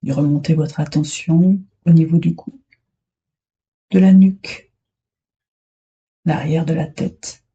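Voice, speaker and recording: Leading a relaxation meditation, a woman yoga instructor speaks in short, unhurried phrases broken by long pauses. Her deep voice is steady and mellow with a breathy edge. The recording has the highs cut off.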